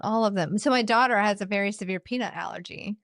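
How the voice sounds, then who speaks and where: A woman's voice: medium pitch, fast, vocal fry, a bit bright, dry recording, studio quality. A woman being interviewed as a business founder, chatting casually and candidly, swearing freely and laughing often. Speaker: guest, dessert business founder. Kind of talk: casual podcast chat.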